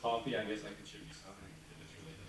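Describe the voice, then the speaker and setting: A man's voice: fairly low pitch, racing, a crowd in the background. Casual male moderator, distant mic in a big reverberant hall with audience murmur. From United States. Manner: relaxed, conversational, informal fillers. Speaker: panel moderator. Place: large conference hall. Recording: echoey hall from far off with audience.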